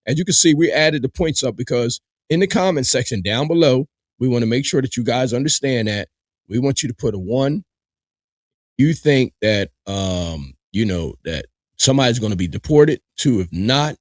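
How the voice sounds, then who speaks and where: A man hosts a live reaction stream, commenting emphatically and speaking straight to his audience. He often repeats words as he presses a point. His voice sits at a middle pitch and sounds close and dry, with no room echo. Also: lively intonation, moderate pace. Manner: emphatic, repetitive, addresses viewers directly. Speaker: live reaction show host.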